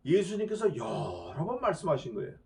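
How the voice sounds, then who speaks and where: A man pastor delivering an expository sermon. He speaks emphatically, fires off rhetorical questions and swings between soft, low asides and loud declarations. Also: wildly swooping pitch, fairly quick, creaky. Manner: dramatizes quoted speech.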